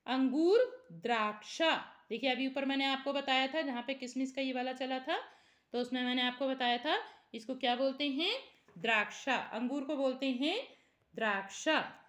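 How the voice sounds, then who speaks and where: A woman teaching a Sanskrit vocabulary lesson, reading word pairs slowly and explaining them in quick asides. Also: sits high, fairly bright tone.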